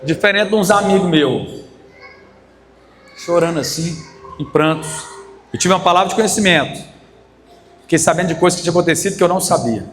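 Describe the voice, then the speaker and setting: A man's voice: high-pitched, brisk, long pauses, a little hiss or hum. A man preaching a sermon as pastor, telling a story and asking the congregation for amens. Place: church hall. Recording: long hall reverb, faint ambience. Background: congregation responses.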